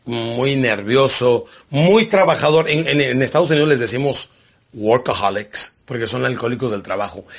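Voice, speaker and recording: A man giving an animated motivational seminar talk, slipping into quick character voices. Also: medium pitch, vocal fry, slightly rough, dull audio. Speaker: motivational speaker.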